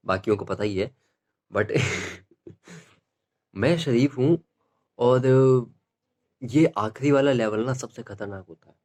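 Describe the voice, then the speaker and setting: A teenage male stand-up comedian telling rambling school stories in an animated, laughing way. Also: on the low side. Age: teens.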